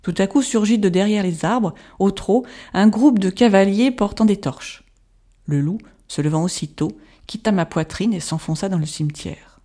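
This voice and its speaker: A narrator reads a classic tale with measured, even storytelling. The voice is warm and mellow and sits in a middle pitch range. Tense passages bring a slight lift in the pitch. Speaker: audiobook narrator.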